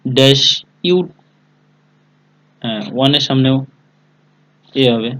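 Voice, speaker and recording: A man's voice: medium pitch, level tone, takes it slowly, a bit bright, rough recording. Patient man teaching a spelling lesson. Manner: spells words letter by letter and keeps asking if students understood; calls on students by name. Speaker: English teacher. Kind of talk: live online class lesson.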